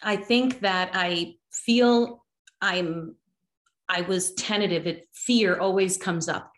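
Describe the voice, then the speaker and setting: Middle-aged woman, candid guest, earnest and quick to laugh; echoey room. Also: medium pitch, steady tone. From Dominican Republic. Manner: earnest, laughs often, restarts. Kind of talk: personal conversation.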